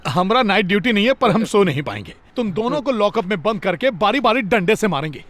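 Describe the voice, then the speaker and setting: An actor playing a bossy, excitable comic police inspector who stammers and scolds, in dubbed film dialogue. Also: male voice, sits high, fast talker.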